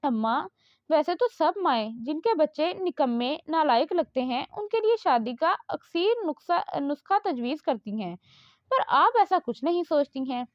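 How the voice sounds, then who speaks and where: A woman voicing a sharp-tongued, teasing young army officer in a read-aloud romance novel. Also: sits high, lively intonation, no room sound. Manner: teasing, quick comebacks. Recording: dull lo-fi dry recording.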